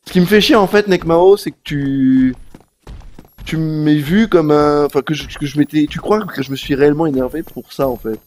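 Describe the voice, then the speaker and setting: This game streamer's voice sits on the high side, moving at a normal speed. He chats directly with his audience, lively and swearing offhandedly, narrating his gameplay as it happens.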